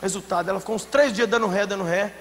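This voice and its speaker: Animated pastor in a reverberant hall. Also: male voice, high-pitched, quick pace, a little hiss or hum. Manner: animated, acts out scenes with shouted outbursts. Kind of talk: sermon. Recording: long hall reverb, faint ambience.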